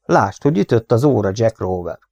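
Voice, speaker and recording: Férfi felolvasó hangján gúnyos, laza fiatal pisztolyhős. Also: male voice, fairly low pitch, big pitch swings, creaky, darkish tone, no echo, muffled recording, full character voice. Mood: cool. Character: cocky, cool young man, gunslinger.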